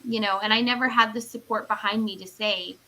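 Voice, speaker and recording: Meet a woman in her late thirties whose voice is bright and forward. She talks in a casual, earnest ramble full of "like" and "you know." A faint hiss sits under the recording. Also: medium pitch, steady tone, a little fast, low-quality recording. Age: 30s. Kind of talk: casual chat.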